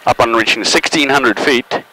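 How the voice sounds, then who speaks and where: A middle-aged man of medium pitch, acting as a pilot, narrates and reads back radio calls through an aviation headset in a small plane's cockpit. His callouts are terse and procedural, with pauses between them. The poor audio has no room sound but loud aircraft cabin noise over the headset intercom.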